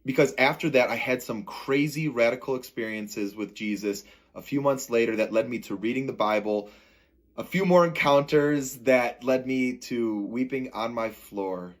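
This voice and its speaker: A young man casually telling a personal faith testimony as a vlogger, earnest and animated, with everyday slang. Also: on the low side.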